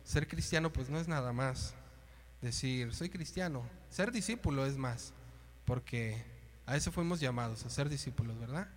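A man's voice: medium pitch, animated, normal speed. Guy preaching, chatty sermon w/ lots of asides, long church echo. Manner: conversational, uses colloquial asides and rhetorical questions. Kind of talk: informal sermon. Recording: long church-hall reverb.

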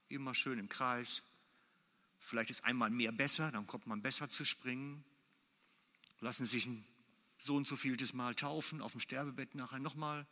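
Emphatic German preacher in a reverberant hall. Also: male voice, medium pitch, bright, forceful tone. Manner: emphatic, repeats key phrases. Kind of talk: sermon.

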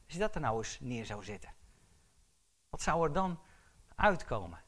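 Bright-voiced man preaching with fervor. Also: medium pitch, sing-song, normal speed. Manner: emphatic, building to urgent exhortation; asks the congregation questions. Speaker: pastor. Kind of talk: sermon.

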